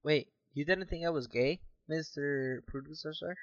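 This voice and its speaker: A boisterous, foul-mouthed man co-hosting a late-night podcast in casual banter. His voice sits a little high for a man. The sound is dry and dull, like a lo-fi remote mic. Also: moderate pace, no room sound. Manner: profane and boisterous. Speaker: podcast co-host. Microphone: no webcam, remote mic.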